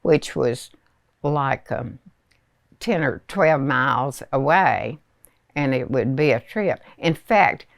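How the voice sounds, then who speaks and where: Very old southern lady in her 90s telling old memories, low gravelly voice, lots of pauses. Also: expressive, no echo, clean studio sound. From rural Arkansas, United States. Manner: hesitant, unhurried storytelling with pauses. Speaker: elderly interviewee recalling childhood. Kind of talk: reminiscing oral history.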